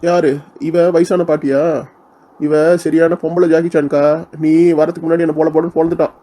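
Insolent, quick-mouthed younger sister, mocking and combative, a man plays her. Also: a little high, little pitch movement, warm tone, lightly acted. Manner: mocking, insolent, picks fights. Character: sharp-tongued cheeky young woman, the younger sister. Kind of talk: comic village skit acting.

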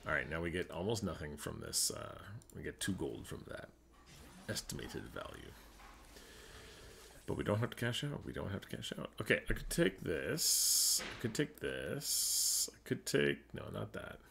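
A man's voice: low voice, very animated, moderate pace, creaky, a bit bright, a little hiss or hum. A man giving casual commentary while he plays a game, thinking aloud and muttering to himself. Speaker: gaming streamer.

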